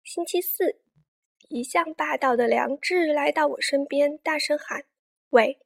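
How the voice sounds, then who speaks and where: A woman narrating a picture book for children as the show's storyteller, speaking gently and coaxing young listeners. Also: high voice, a little slow, gravelly, faint music behind. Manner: warm, coaxing tone addressing children.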